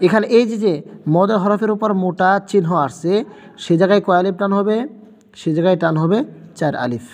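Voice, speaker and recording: A man's voice: high voice, a little fast, a little mellow, in a large hall. A man teaching a Quran reading lesson, patiently spelling out letter sounds one by one and repeating them.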